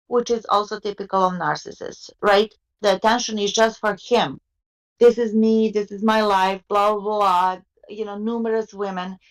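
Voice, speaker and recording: Heard on a rough recording, a woman with a mid-range voice co-hosts a casual podcast discussion. She reasons out her positions, asks the others whether they agree, and now and then reads a book passage aloud.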